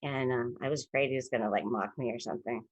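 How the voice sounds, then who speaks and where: A woman in her fifties, an actress being interviewed over a video call, telling rambling, animated stories from her career and often breaking off mid-sentence. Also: very deep voice, fast talker, lo-fi sound. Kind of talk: casual storytelling interview.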